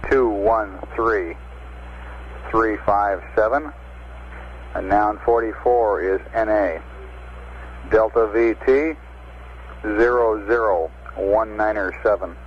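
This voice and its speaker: American male mission communicator, lowish pitch, methodical radio calls and readouts, muffled vintage 1960s transmission. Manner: clipped, methodical number readouts. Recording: noisy, dull 1960s space radio link.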